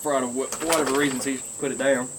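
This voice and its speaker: A man's voice: mid-range voice, level tone, quick pace, background noise. Folksy Southern man rambling over his pipe. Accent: Southern US, rural Kentucky. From Kentucky, United States. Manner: folksy, drawling country speech; talking while smoking a pipe. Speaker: pipe-smoking video blogger. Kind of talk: rambling casual chat to viewers.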